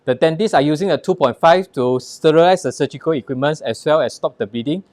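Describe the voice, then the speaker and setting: A man's voice: on the high side, fast, a little mellow, dry recording. A man with a Singaporean accent presenting a live product demonstration, instructing the audience in short punchy phrases and rhetorical questions, with personal anecdotes mixed in.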